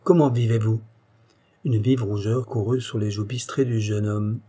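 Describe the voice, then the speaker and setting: A man reading a classic novel aloud as an audiobook narrator, in a measured, even storytelling manner. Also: on the low side, breathy edge.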